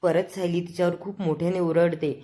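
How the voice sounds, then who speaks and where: A woman's voice: lowish voice, flat delivery, fairly quick, warm tone. A woman retelling a TV serial episode in a conversational way, recounting scenes and quoting what the characters say.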